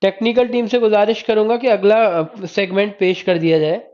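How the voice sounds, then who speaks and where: A man's voice: sits high, fairly even intonation, normal speed, a little mellow. A male Hindi teacher running a live online exam-prep class, repeating points, quizzing students and praising them by name. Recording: dull lo-fi stream audio.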